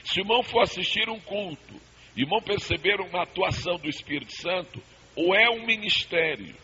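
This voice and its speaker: Brazilian guy preaching a bible study, forceful voice swinging up and down, old hissy muffled cassette. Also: on the high side. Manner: emphatic, repetitive, asks congregation to repeat and affirm. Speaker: pastor teaching a Bible seminar. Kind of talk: Pentecostal Bible-study sermon. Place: speaking to a church congregation.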